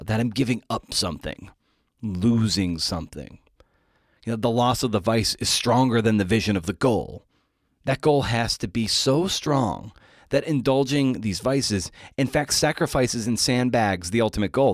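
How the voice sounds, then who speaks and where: A podcast host in his forties, with a voice on the low side, reflects alone in a conversational monologue, casually questioning himself as he goes. The recording is dry and of studio quality.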